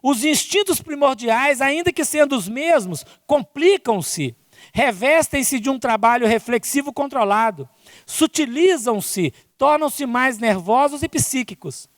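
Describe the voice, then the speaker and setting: This is a spiritist lecture at a conference, given by a man with a Brazilian accent who often tags his lines with "né?" or "não é?". His very high-pitched voice is expressive and a little slow. The audio is clean and studio-like, with long reverb from the big hall he's speaking in.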